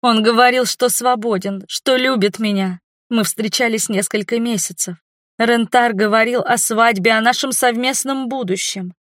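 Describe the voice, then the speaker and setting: A woman's voice: a little high, steady tone, normal speed, a bit bright, dry recording, studio quality, voice pushed up, lightly acted. A woman reading an audiobook, voicing a loving middle-aged mother who is emotional and guilt-ridden. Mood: tearful, confessing.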